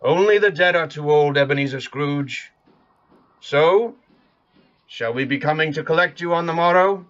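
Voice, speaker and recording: A man's voice: a little high, moderate pace, fairly bright tone, dull audio, lightly acted. A man playing a mocking, grandiloquent ghost in an audio play, declaiming his insults in a theatrical way. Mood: grave, accusing. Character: scornful, theatrical male Ghost of Christmas Present.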